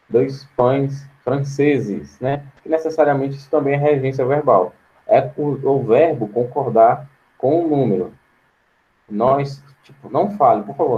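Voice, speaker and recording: Over dull audio, a medium-pitched man with a Brazilian Portuguese accent teaches grammar online. Slow and patient, he repeats words to his students.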